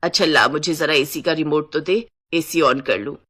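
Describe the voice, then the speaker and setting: Lady doing a low-voiced bossy mother-in-law, cartoon story, orders people around. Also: moderate pace, fairly bright tone, slightly rough. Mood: whiny. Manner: commanding, complaining.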